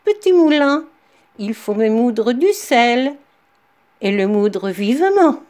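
A woman voicing a greedy, thieving sea captain giving loud orders in a spoken fairy tale. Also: on the high side, very animated, slow. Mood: commanding.

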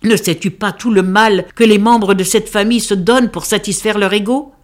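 A woman's voice: mid-range voice, fairly even intonation, normal speed, pitched above the performer's own voice, lightly acted. Woman reading as a stern scolding father. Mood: angry. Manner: loud, scolding.

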